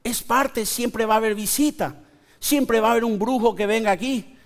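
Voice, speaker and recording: A man, preaching a sermon to his congregation with slow, emphatic pauses and conversational asides. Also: sits high. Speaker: pastor. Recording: long church hall reverb.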